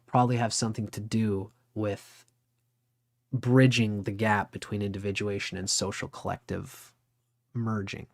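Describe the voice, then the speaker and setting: A man in his forties giving a casual, rambling talk on astrology, conversational and sometimes swearing. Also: on the low side. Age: 40s. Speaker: astrology teacher. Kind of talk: casual lecture.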